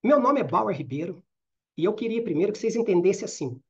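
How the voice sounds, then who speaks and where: Middle-aged Minas Gerais man as trainer in a live online session: rapid, informal, checking in with the audience, muffled lo-fi sound. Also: sits high, big pitch swings. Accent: Minas Gerais Portuguese. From Brazil. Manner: talks fast, with frequent "né?" and "certo?" tags. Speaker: career and networking trainer. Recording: slightly dull lo-fi audio.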